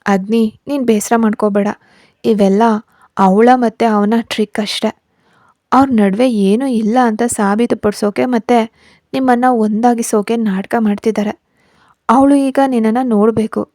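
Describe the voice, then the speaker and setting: A scheming young woman, as a woman storyteller puts her on, sweet and coaxing in a fairly high, mellow voice. The sound is close and dry, like a storybook told at the mic. She always sounds pleased with herself. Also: steady tone, normal speed, no echo, close to an everyday voice. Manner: coaxing, self-satisfied.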